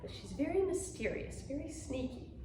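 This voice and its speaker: A woman with a high-pitched, very animated voice teaches ballet mime at a moderate pace, telling stories theatrically and encouraging learners to follow along. This demonstrative dance lesson talks viewers through gestures, recorded in a very echoey room with music behind her and a noisy background.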